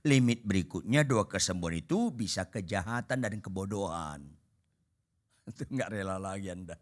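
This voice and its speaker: A man preaching to a congregation, animated and humorous, acting out conversations and swinging between shouts and half voice. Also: mid-range voice. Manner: animated, acts out dialogues, shouts and drops to half voice. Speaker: pastor. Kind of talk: humorous sermon. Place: church hall before a congregation.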